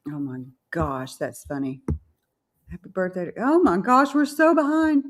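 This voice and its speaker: A woman's voice: lowish voice, sing-song, normal speed. A woman hosting a casual livestream chat, chatty and bubbly. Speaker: host.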